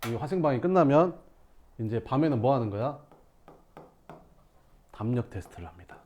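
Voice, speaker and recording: A male math teacher telling his students a lively story in class, acting out scenes with shouts and sound effects. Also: mid-range voice, normal speed, a little hiss or hum.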